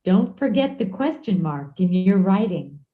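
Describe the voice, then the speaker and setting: A woman reading scripted grammar explanations for a textbook audio track, clear and measured. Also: medium pitch, very animated. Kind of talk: scripted instructional narration. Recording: tinny audio played over a call.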